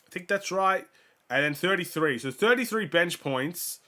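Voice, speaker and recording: Expressive and high-pitched at a normal speed, a young man leads a fan watchalong stream with loose play-by-play and a stream of stats. Illness is wearing his voice down, though he raises it for the big moments.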